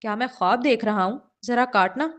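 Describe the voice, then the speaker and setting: A woman's voice: fairly high pitch, fairly bright tone, dull audio, close to an everyday voice. A woman reader puts on a sulky young husband who is feverish and stubborn. He grumbles his lines with wounded pride, as part of a storybook reading. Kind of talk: audiobook character reading.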